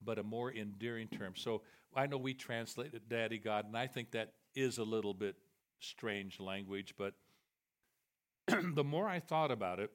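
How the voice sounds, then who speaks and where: A male preacher giving a sermon to a congregation, animated and self-deprecating, switching between loud emphatic bursts and quiet confessional asides. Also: medium pitch, measured pace. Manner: animated and self-deprecating, quoting God and Jesus in a raised voice. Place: church, before a live congregation.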